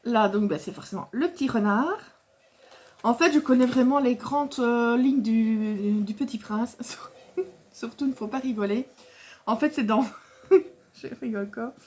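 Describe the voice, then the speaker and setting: A woman's voice: fairly high pitch, a little slow, pauses often, a little mellow. A woman vlogging casually to camera about her craft haul, rambling and chatty, with many fillers, restarts and frequent laughs. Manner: laughs often while talking.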